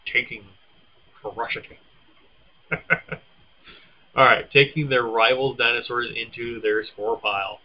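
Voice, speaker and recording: A husky-voiced man chats playfully and teases his co-host as he reads out game descriptions. His pitch sits in the middle of the range. The recording is dull and lo-fi. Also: flat delivery, unhurried, pauses often. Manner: playful, teasing. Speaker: podcast co-host. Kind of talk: casual chat, reading game blurbs.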